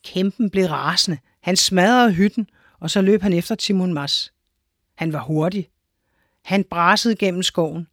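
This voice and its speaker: Female narrator for a children's story, clear and measured; dry close recording. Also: fairly low pitch, dry recording.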